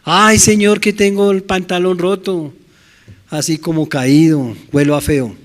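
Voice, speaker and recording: A man's voice: high-pitched, steady tone, measured pace, voice pushed up. Man doing a shabby sinner whining to god, ragged pants. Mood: pleading. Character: shabby pleading sinner at judgment.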